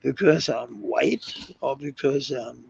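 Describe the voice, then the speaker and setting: A man's voice: mid-range voice, slow pace, creaky, a little mellow, breathy edge, no room sound, muffled recording. A Danish man with a Danish accent chatting casually on a livestream, rambling, swearing freely and breaking into laughter often. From Denmark.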